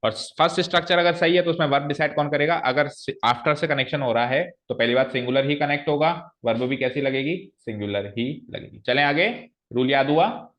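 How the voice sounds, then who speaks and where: Bright-voiced male grammar teacher. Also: on the high side, a little fast, hardly any pauses. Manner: explains step by step, asks students questions. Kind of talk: classroom grammar lesson.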